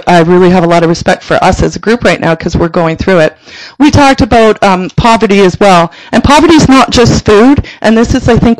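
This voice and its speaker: High-pitched man, passionate and halting. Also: no room sound, rough recording. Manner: passionate, halting with frequent restarts. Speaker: community presenter and social worker. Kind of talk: presentation to city council. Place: council chamber. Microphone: table microphone.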